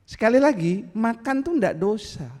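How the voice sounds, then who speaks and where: Lively pastor preaching in an echoing hall. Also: male voice, high voice, normal speed. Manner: animated, teasing, acts out angry voices. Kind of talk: sermon. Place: church.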